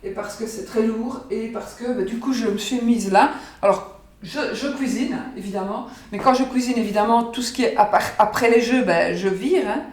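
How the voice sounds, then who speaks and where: A woman's voice: fairly high pitch, normal speed, darkish tone. Woman, casual vlog chat, rambling with fillers, home kitchen, roomy echo, distant mic. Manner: rambling, chatty, repeats herself and uses many fillers. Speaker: psychic vlogger presenting her oracle cards.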